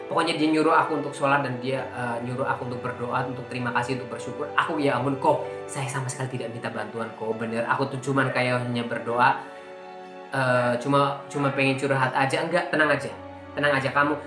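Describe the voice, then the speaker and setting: A man vlogger telling a personal story in casual talk, emotional and animated, acting out what people said. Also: medium pitch, fast talker. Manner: emotional, animated retelling with acted-out quotes. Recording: echoey room with faint background music.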